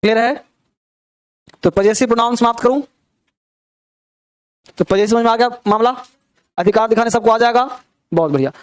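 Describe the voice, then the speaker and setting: A man's voice: extremely high pitch, normal speed, long pauses, clean tone, no echo, clean studio sound. A young man teaching a grammar class, drilling pronunciation and checking in with his students. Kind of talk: classroom lecture.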